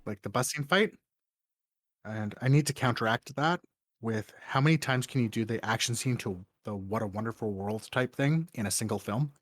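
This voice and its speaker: A man's voice: medium pitch, normal speed, no room sound, clean studio sound. A man co-hosting a podcast, laying out his thoughts about a film step by step in casual chat. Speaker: podcast co-host.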